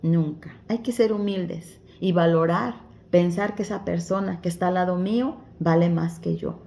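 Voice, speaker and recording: A woman's voice: fairly low pitch, normal speed, mellow. A woman giving a devotional Bible explanation, exhorting her listeners as dear ones in simple, conversational preaching. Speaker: Bible study teacher.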